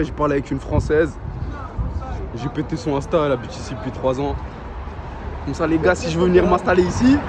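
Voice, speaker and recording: A young man vlogging casually in French suburban street slang with an urban street accent, talking to viewers like mates. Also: on the high side. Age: young adult. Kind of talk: casual travel vlog. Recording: noisy handheld vlog with ambient vehicle noise.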